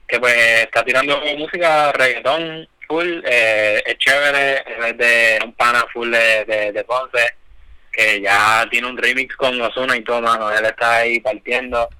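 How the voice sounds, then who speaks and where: Male co-host, relaxed slangy chatter, low even voice. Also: dry recording, low-quality recording. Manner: laid-back, loose slang, many fillers. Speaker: podcast co-host. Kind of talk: casual chat.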